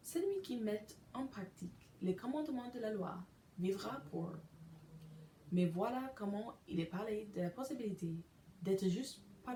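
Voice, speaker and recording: A woman hosting a podcast, reading scripture aloud slowly and carefully from her bedroom, sometimes correcting herself. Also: mid-range voice, warm tone, slight background noise. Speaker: podcast host reading a daily devotional. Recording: echoey room recording.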